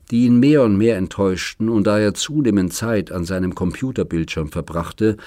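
A man narrating an audiobook in a calm, even storytelling manner. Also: low voice, dry recording, clean studio sound. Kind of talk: scripted narration.

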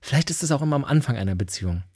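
A man's voice: medium pitch, racing, no echo, clean studio sound. A man, co-hosting a casual podcast chat and acting out quoted dialogue. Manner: animated, acts out quoted dialogue. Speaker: podcast co-host.

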